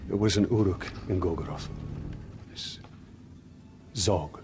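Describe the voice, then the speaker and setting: A man's voice: low-pitched, takes it slowly, over music. A man playing a stern, grim warrior in a dramatic game cutscene.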